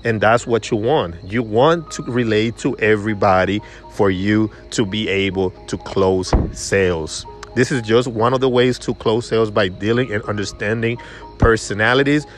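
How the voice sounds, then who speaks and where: A man's voice: fairly low pitch, normal speed, faint music behind. A man giving a motivational sales lesson in an emphatic coaching manner. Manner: emphatic, acts out customer voices. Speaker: sales trainer.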